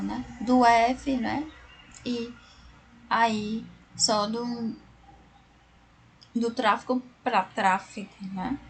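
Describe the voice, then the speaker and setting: A woman's voice: fairly high pitch, a little hiss or hum. A Brazilian woman teaching a recorded class, explaining word by word and often checking in with tag questions. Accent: Brazilian Portuguese.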